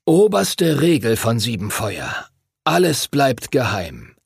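Male reader voicing a brusque old pilot-teacher, storybook, raspy. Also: medium pitch, big pitch swings, slow, dry recording, studio quality, full character voice. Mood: gruff. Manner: brusque, commanding. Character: wild gray-haired male pilot and teacher, gruff.

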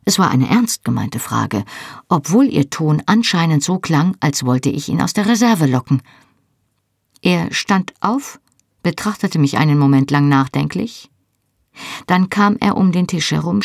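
A woman narrating a novel in the first person with measured storytelling. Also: on the low side, lively intonation, vocal fry, no echo, clean studio sound. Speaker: audiobook narrator.

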